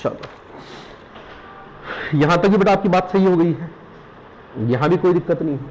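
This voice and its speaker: A man's voice: on the high side, normal speed, darkish tone, slight background noise, rough recording. A man with a Pahari-tinged Hindi accent, a teacher giving a live exam revision class, repeating points, joking and quizzing students with questions. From Uttarakhand hills. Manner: calls students "beta", jokes and laughs while teaching.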